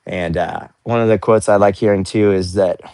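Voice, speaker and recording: A man's voice: low voice, steady tone, moderate pace, vocal fry, a little mellow, clear, resonant tone, no echo. A young man hosting a casual faith-based motivational livestream outdoors in the snow, earnest and upbeat, cooling off after a workout. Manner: earnest, upbeat, repeats words often. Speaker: livestream host.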